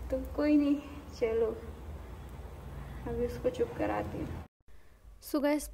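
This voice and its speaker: A young mother talks on her home vlog in a high voice, chatty and repeating words for emphasis. At times she slips into sing-song baby talk for her little daughters. The home recording carries clear background noise. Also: dark tone. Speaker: vlogger and mother. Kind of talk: casual home vlog chat.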